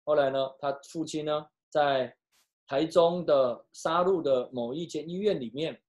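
A pastor preaching and telling a story, switching between hushed and loud delivery, with some halting restarts. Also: mid-range voice. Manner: emotional, with sharp swings from hushed to loud. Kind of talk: storytelling sermon.

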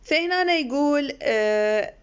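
A woman lecturer, explaining an English text line by line in with many pauses and fillers. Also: sits high, lively intonation. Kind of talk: recorded university lecture. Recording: muffled lo-fi recording.

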